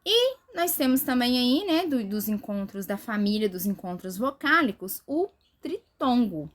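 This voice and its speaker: Woman teacher talking through a grammar lesson, kinda high voice, keeps going "right?" after every point. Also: animated, moderate pace. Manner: explanatory, checks in with frequent "tá?" and "né?".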